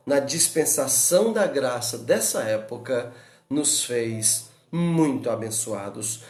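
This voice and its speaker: A man's voice: fairly high pitch, darkish tone, reverberant. A man with a Brazilian Portuguese accent, a pastor giving an earnest expository Bible study, asking rhetorical questions and repeating his exhortations.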